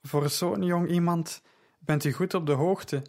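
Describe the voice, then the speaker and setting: A man voicing a large Roman citizen, confused and groggy, speaking in a halting mumble. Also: on the high side, fairly even intonation, a little mellow. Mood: puzzled. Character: large Roman citizen, dazed after a seizure.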